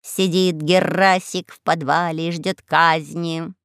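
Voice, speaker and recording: A woman's voice: lowish voice, flat delivery, slow pace, a bit bright, clear, resonant tone, no echo, studio quality. Woman voicing a sly, greedy old crow. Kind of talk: audiobook character voice.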